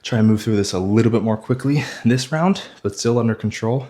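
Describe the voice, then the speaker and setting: A man leading a follow-along workout as a fitness coach, out of breath, counting reps aloud that trail off breathy mid-set. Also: fairly low pitch, fairly quick, warm tone.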